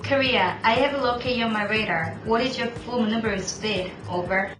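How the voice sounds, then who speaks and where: This is a woman voicing a formal port service operator on a marine radio channel. Her voice sits a little high and every call is clipped and procedural. The sound is roomy, with music playing underneath. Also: normal speed. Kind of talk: scripted maritime radio role-play. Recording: echoey room with music underneath.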